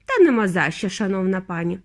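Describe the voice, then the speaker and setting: A woman's voice: medium pitch, big pitch swings, brisk. A woman voicing an eccentric, cheerful male chocolate maker with a breezy, theatrical manner.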